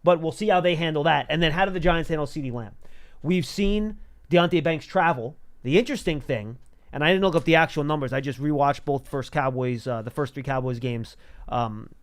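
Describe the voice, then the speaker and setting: A male sports show host talks through football analysis conversationally. His voice sits a little higher than average for a man, with an ordinary, unforced tone. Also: brisk.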